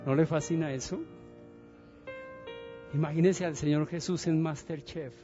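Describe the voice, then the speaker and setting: A male pastor delivers a sermon in a church, drawing the congregation in with questions and call-and-repeat lines. He speaks slowly and deliberately in a somewhat high voice. The recording is a little muffled, with faint instrumental music behind. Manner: animated, has the congregation repeat phrases, asks questions.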